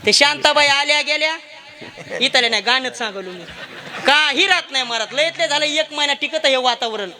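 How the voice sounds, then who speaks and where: A man preaching a humorous devotional kirtan sermon. He jokes and tells stories quickly, speaks straight to the crowd, and switches voices for quoted dialogue. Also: very high-pitched, bright, forceful tone. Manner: rapid joking storytelling, addresses crowd directly.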